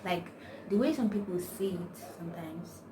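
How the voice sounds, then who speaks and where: A young woman vlogger with a Nigerian accent and a lowish voice chats casually to camera at a moderate pace. She rambles through stories, using slang and saying "like" constantly, recorded on a distant mic with a noisy background.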